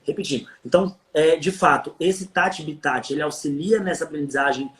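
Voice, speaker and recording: A man with a Brazilian accent hosting a casual chat, asking questions gently and thinking aloud. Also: on the high side, a little fast. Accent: Brazilian Portuguese. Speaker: host and teacher. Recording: echoey room.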